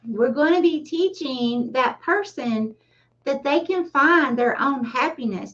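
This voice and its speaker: A woman's voice: high voice, a bit bright. A middle-aged woman giving a casual livestream tarot reading, chatty and often laughing at herself. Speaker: tarot reader. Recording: distant, slightly dull mic.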